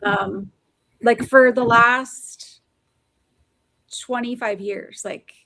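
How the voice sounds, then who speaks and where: A woman's voice: fairly high pitch, fairly even intonation, very slow, gravelly, fairly bright tone, no echo. A woman co-hosting a casual podcast chat, talking in loose, rambling sentences full of fillers. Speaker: podcast co-host. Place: Oklahoma, US.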